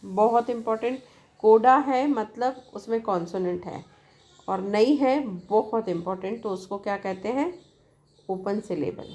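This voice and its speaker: Slow-talking Indian woman teaching. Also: medium pitch, a little mellow. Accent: Indian English. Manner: reads English definitions slowly, then explains them fast in Hindi; repeats questions to students, addresses them as "beta". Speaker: English teacher. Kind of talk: explaining a lesson in mixed Hindi and English.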